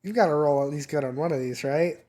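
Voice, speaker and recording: Halting, casual game master. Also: medium pitch, mellow. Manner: casual, halting, full of fillers. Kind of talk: narrating a tabletop game.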